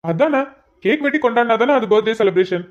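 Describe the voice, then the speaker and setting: Woman voicing a fast-talking cheeky friend. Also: fairly high pitch, animated, muffled recording, natural voice. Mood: cheerful. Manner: teasing, chatty. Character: cheeky young male friend. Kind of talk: cartoon drama voice acting.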